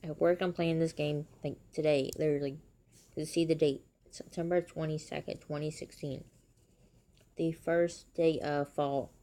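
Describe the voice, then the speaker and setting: A woman streams herself playing a mobile game, chatting casually and rambling. Her voice sits a little low for a woman, and it jumps up into shocked, animated exclamations. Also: moderate pace.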